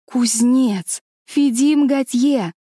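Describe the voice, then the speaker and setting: A woman's voice: sits high, drawn-out words, dark tone, no room sound, clean studio sound, pitched above the performer's own voice, exaggerated voice. Woman doing a bratty defiant little girl. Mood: defiant, snappy. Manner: bossy, snapping, wailing when stuck. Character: willful defiant little girl, turned rebellious. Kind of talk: audiobook character voice.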